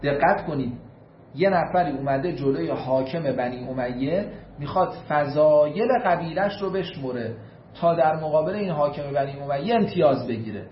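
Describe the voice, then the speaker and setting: A man's voice: a little high, lively intonation, slight background noise. A man from Iran giving a storytelling sermon, emphatic, repeating key points and reciting Arabic quotations before translating them. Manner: emphatic, repeats figures for weight. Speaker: religious lecturer. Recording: roomy, slightly dull recording.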